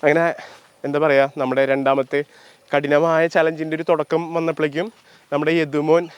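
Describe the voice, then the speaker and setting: Teasing high-voiced man hosting. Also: little pitch movement, brisk, clean tone, no room sound. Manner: playful and teasing, hypes contestants with sung sound effects. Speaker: host running an ice sofa challenge. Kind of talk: lively challenge-video hosting.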